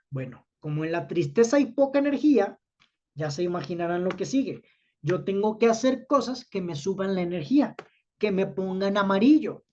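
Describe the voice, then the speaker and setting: A man's voice: sits high, dark tone, lo-fi sound. A man, teaching students about emotions in an explanatory talk, often checking in with his listeners.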